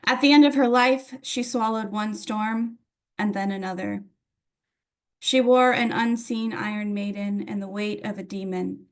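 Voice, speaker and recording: At a literary reading, a woman from Atlanta, United States, reads her own poetry and introduces each piece informally. She has a medium-pitched voice and a measured pace.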